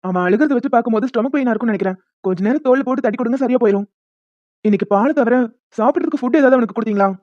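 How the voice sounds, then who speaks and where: A woman voicing the husbands, brothers and a doctor in an animated family story, with brisk, reassuring delivery. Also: on the high side, no echo, lightly acted. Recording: dry, dull lo-fi home mic.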